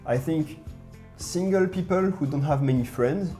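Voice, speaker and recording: Guy in a laid-back chat, quick yeahs and mm-hmms, warm low-key tone. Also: soft background music. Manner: short agreeing interjections, relaxed musing. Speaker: conversation partner. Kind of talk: casual chat.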